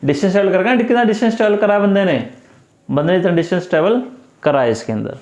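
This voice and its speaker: Male tutor, high-pitched, patient step-by-step explainer, echoey room. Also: fast, a little mellow. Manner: repetitive, coaxing, talks through each step. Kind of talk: step-by-step math lesson.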